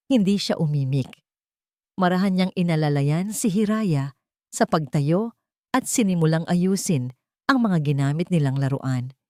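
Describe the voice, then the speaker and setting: A woman with a Filipino accent narrates a scripted, dramatic story. Her voice is on the low side and a little mellow, with clean studio sound and no room sound.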